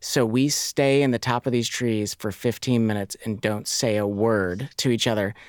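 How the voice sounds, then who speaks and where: A woman hosting a casual chat, telling stories in an animated, expressive way. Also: rumbling low, normal speed, dry recording, studio quality.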